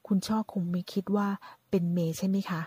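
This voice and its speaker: A woman's voice: mid-range voice, fairly even intonation, brisk, mellow, breathy edge, no echo. A woman voicing a nervous, two-faced young female secretary who talks in a flustered, wheedling way. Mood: flustered, needling.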